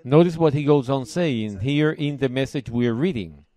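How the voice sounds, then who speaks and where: A man from Puerto Rico preaching a sermon, reading passages aloud and explaining them in short, deliberate phrases. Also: medium pitch, dark tone. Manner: measured, emphatic, pauses between short phrases. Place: church service.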